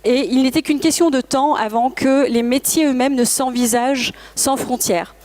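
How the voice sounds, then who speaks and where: Speaking at normal speed in a steady, slightly mellow voice a little higher than most, a language school founder whose first language is English gives a motivational presentation at a trade fair. She is earnest and often addresses the audience directly, now and then hesitating and correcting herself mid-sentence.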